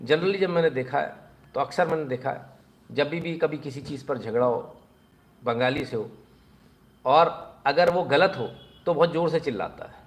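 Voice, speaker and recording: A man's voice: on the high side, normal speed, pauses often. Man giving mocking political commentary. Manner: mocking, animated, addresses the people he criticises directly. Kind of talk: sarcastic news commentary.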